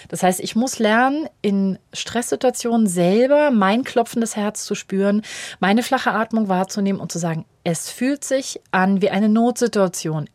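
A woman's voice: mid-range voice, no room sound. A middle-aged woman, a parenting expert, talking in an interview and acting out the voices of parents and children as she explains. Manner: animated, acts out quoted voices of children and parents. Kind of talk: conversational interview.

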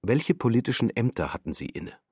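A man's voice: medium pitch, sing-song, brisk, a little mellow, husky, no room sound, clean studio sound, pitched above the performer's own voice. An actor playing a male presiding judge who asks formal, probing questions in a documentary radio drama.

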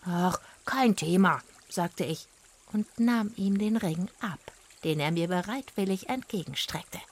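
A woman narrating a children's audio story in the first person with plucky, lively storytelling. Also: mid-range voice, unhurried. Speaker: narrator and detective heroine.

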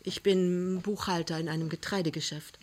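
A woman voicing a timid young male clerk who speaks in a hushed, stammering way, in a dramatic novel reading. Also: fairly low pitch, steady tone, moderate pace, close to an everyday voice.

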